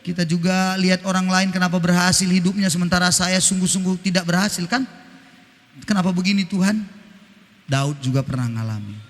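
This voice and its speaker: A male pastor preaching an animated, teasing sermon, breaking into snatches of hymns. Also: sits high, a little fast. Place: church. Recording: church hall reverb.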